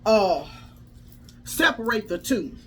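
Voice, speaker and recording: A woman's voice: mid-range voice, very animated, slow, a little hiss or hum. Folksy, preacherly woman life coach on livestream. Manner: folksy, preacherly, repeats phrases for emphasis. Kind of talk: casual motivational livestream talk.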